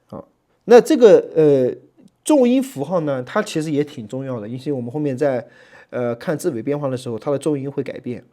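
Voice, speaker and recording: A man teaching a Greek lesson in a relaxed lecturing way, with many fillers, slowing down to spell out letters and sounds. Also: mid-range voice.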